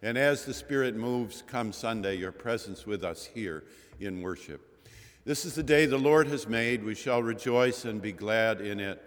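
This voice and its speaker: A man, a minister, leading a worship service with a measured, solemn delivery, his voice ringing with a cathedral-like echo in a large chapel. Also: on the low side. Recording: long chapel reverb, radio broadcast.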